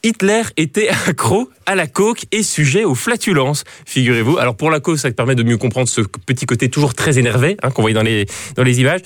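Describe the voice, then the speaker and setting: A man's voice: mid-range voice, animated, a little fast, few pauses, no echo. A man delivering a live comedy column in a radio studio, with mock-grave setups, punchline wordplay and asides that coax the studio to laugh along. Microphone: studio microphone.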